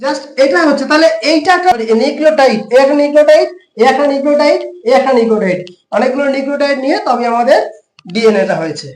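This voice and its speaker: A woman's voice: sits high, fast, darkish tone, reverberant, a little hiss or hum, poor audio. A woman teacher with a West Bengal Bengali accent who explains step by step, asking questions and answering them herself. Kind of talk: classroom science lesson.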